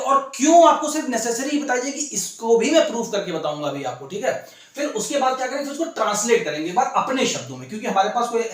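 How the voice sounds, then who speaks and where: A man who speaks Hindi and English with an Indian accent, teaching an online English lesson and coaxing his students, who speak Hindi, with constant check-ins. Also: sits high. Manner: coaxing, keeps adding "ठीक है ना?". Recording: very echoey room.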